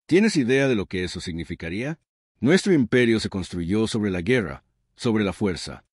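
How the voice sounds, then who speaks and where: A man's voice: lowish voice, very animated, normal speed, breathy edge, dry recording, clean studio sound. A man voicing a huge scarred alien general, proud and defiant, in a sci-fi story reading.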